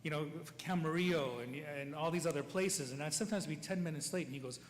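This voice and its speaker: A priest giving a eulogy at a funeral mass, talking in a conversational way, checking in with the listeners and chuckling between stories. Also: male voice, on the high side, quick pace. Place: church. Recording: long church reverb, faint ambient noise.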